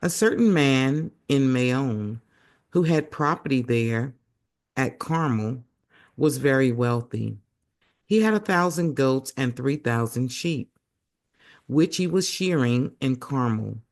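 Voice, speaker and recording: A man reading the Bible aloud as a host, hoarse and losing his voice, breaking off for chatty asides to his viewers. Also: medium pitch, lively intonation, slow pace.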